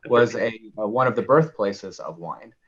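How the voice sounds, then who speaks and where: A man's voice: lowish voice, normal speed, breathy edge, muffled recording. A man from Iran hosting an alumni video chat, graciously thanking the guests and reading the audience's questions aloud. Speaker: event host and moderator.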